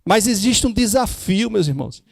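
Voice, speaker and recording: Gravelly Northeastern Brazilian man teaching. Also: high-pitched, animated, normal speed, dry recording. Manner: preachy, acts out dialogue. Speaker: discipleship teacher. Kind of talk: church class teaching.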